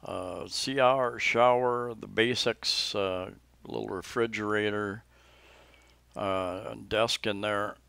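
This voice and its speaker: Relaxed low-voiced man narrating a tour. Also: takes it slowly, vocal fry, smooth, no room sound. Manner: relaxed, hesitant, many fillers. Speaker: vlogger touring a restaurant. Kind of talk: casual vlog narration and chat. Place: restaurant in the Philippines.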